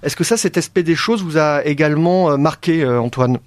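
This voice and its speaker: A man's voice: a little high, brisk, dry recording. A man hosting a radio discussion, talking with many fillers and restarts. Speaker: radio show host. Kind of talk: radio talk-show discussion. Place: radio studio.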